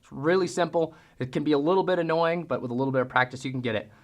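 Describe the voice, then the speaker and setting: Talking very fast in a fairly high voice, a man offers an informal hunting-call lesson, and the sound is lo-fi. He keeps it folksy, copying the calls vocally to show how they go.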